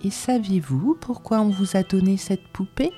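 Pompous stout man, hushed and coaxing, harsh when scolding, read by a woman, storybook reading, faint music. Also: mid-range voice, lively intonation, moderate pace, close to an everyday voice. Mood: hushed wheedling. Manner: hushed wheedling, turning to sharp scolding. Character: pompous stout middle-aged man, fawning then angry.

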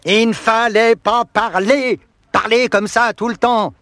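A whiny, fretful husband voiced by a man nags his wife, then panics and begs her. The voice sits high and sounds close and dry, with no room around it. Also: fairly even intonation, takes it slowly, sharp tone, no echo, exaggerated voice. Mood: nagging. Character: timid henpecked husband, scolding then begging his wife. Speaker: recorded performer of a spoken song piece. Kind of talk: theatrical spoken monologue on record.

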